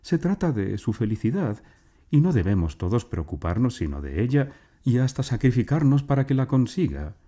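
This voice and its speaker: A man playing an earnest lovesick gentleman. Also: medium pitch, sing-song, moderate pace, voice pushed up. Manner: earnest, solemn.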